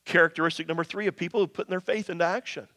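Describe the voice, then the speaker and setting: Racing through his sermon, a male pastor speaks in a high, bright, forceful voice with fairly even intonation. He addresses the congregation directly, emphatic yet conversational, leaning on repetition and rhetorical questions, all within a long reverberant hall sound.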